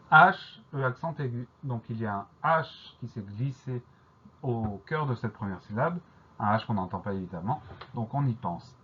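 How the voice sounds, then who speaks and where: A man teaching a French spelling lesson, spelling words slowly and carefully letter by letter. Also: medium pitch, a bit bright, slightly rough. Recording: dull lo-fi recording.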